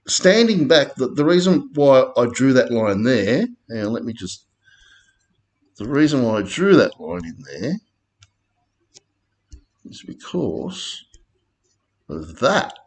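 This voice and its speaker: A man's voice: medium pitch, big pitch swings, unhurried. A man with an Australian accent talking casually through market charts, laid-back and slangy, rambling with plenty of fillers. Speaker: crypto chart commentator.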